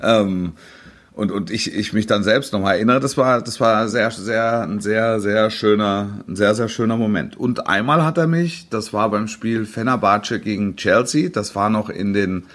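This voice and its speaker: A middle-aged man with a fairly low voice tells stories in a casual chat. He speaks haltingly, circling back over words as he searches for phrasing. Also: fairly bright tone.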